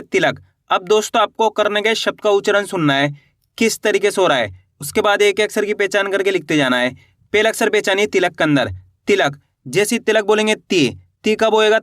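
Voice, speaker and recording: A man teaching beginners to read and spell, sounding words out slowly syllable by syllable and quizzing his viewers with encouragement. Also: high voice, a bit bright, dry recording, studio quality. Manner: encouraging, addresses viewers as friends. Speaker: Hindi teacher.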